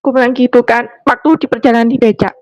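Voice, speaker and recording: A middle-aged woman, telling a personal testimony in an animated, emotional way. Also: a little high, fast talker, dry recording, rough recording. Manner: animated, acts out the people she quotes.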